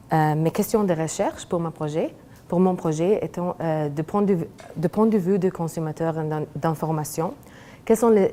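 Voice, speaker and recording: A young woman gives an academic presentation in non-native French with a foreign accent. Her voice is low and dark, and she speaks hesitantly, often searching for words. Faint noise sits behind her. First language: not French. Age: young adult. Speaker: graduate student presenting research. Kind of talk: academic presentation of a thesis project.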